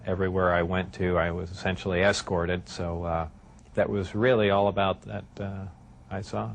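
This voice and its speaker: A man answering interview questions in a hesitant way with many filler pauses, heard from a worn VHS tape copy. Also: deep voice, little pitch movement, vocal fry. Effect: worn VHS tape copy with faint hiss.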